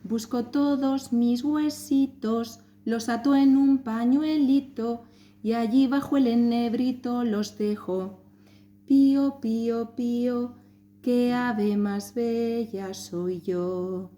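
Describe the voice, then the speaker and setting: A woman voicing a magical bird, a murdered boy reborn, in a slow sing-song chant. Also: medium pitch, expressive, lightly acted.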